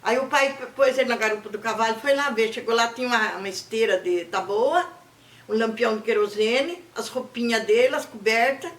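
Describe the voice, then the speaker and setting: A woman's voice: on the high side, a little fast. Older Brazilian woman, roomy storytelling voice. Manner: lively storyteller who acts out the people she quotes. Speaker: interviewee. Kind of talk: oral history storytelling.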